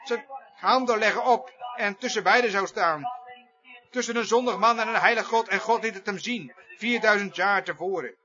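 A man preaching a sermon with a fervent cadence, slow emphatic phrases that rise to shouts. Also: sits high. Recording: lo-fi dull sound.

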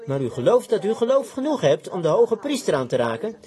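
A middle-aged man preaching and praying in a church tabernacle, fervent and conversational, often adding a quick "see?". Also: high-pitched, very animated, dark tone. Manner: fervent, conversational, repeats "zie" and "ziet u". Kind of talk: sermon, prayer and healing service.

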